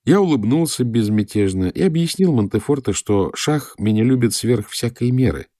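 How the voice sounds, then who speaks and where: A man calmly reading a first-person story as an audiobook narrator. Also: medium pitch, moderate pace, dry recording, clean studio sound.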